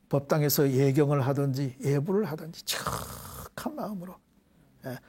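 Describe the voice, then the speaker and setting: A middle-aged man leading a Buddhist prayer and explaining scripture terms to a class in a deliberate, measured way. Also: on the high side, darkish tone. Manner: deliberate, measured, leads call-and-response repetition. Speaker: Buddhist dharma teacher. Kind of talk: devotional prayer and explanatory dharma lecture.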